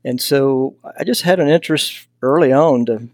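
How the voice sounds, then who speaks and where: An older Texan with a Southern accent, a hunting mentor who founded a foundation, swaps folksy, casual anecdotes as a podcast guest. His medium-pitched voice moves at normal speed in studio-quality sound with no room noise.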